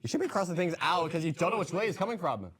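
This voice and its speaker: A man's voice: high-pitched, animated, racing, fairly bright tone, husky. A man bantering and questioning others during a casual tabletop game. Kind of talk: casual tabletop gaming chat.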